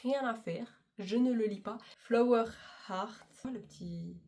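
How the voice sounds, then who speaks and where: A woman's voice: on the high side, unhurried, darkish tone. A young woman, chatting casually to camera as a book vlogger, gushing and self-mocking.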